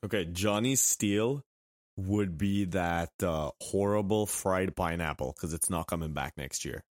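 Male podcast host, wry and casual, hoarse smoker-like rasp, lowish pitch, close dry sound. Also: unhurried, dry recording. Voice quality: gravelly, raspy voice. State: hoarse from a throat infection. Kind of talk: casual sports podcast chat.

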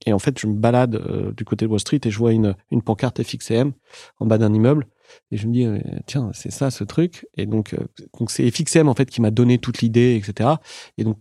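A middle-aged man recounts his early business days in a relaxed, mellow voice. He talks haltingly, full of fillers and restarts. The sound is dry and close. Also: fairly low pitch, gravelly, dry recording. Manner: hesitant, many fillers and restarts. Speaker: entrepreneur guest. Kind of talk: casual interview storytelling.

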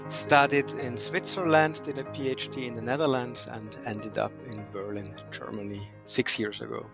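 A man from Austria, a physicist, speaking in a thoughtful, measured way in an interview. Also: medium pitch, level tone, creaky, music in the background. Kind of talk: interview testimony.

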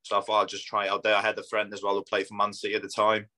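A Polish footballer in his thirties, Polish by birth and native tongue, talks in a casual, matter-of-fact way during an interview. His voice sits low and sounds bright and forceful, delivered in a rapid-fire monotone. His accent mixes Polish with Scandinavian and northwest English.

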